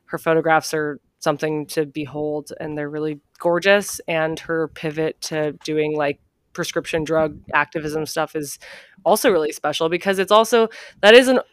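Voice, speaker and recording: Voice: medium pitch, fairly even intonation, moderate pace, clear, resonant tone, no room sound, clean studio sound. A speaker giving casual conversational commentary in an effusive, emphatic, slangy way.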